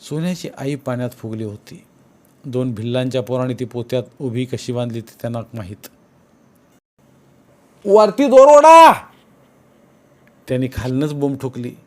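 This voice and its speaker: A man narrating a novel as an audiobook, telling the story in a steady, earnest way. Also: medium pitch, a little fast.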